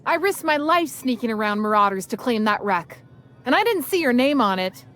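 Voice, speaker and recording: Tough, sarcastic female scavenger, a little higher voice, game NPC. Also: sing-song, normal speed, fairly bright tone. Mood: defiant. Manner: blunt, sarcastic, tough-talking. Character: scrappy tough female salvage freelancer. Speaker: game character.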